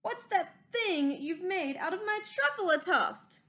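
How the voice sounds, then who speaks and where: Storybook creature, oldish little male, bossy and indignant, loud sharp emphasis, raised pitch played by a female reader. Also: animated, a little slow, full character voice. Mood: indignant, scolding.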